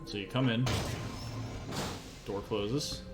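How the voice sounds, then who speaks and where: Lowish-voiced man, casual game stream commentary. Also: steady tone, slow pace. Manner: informal, sweary. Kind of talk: casual live playthrough commentary. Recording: loud game music behind.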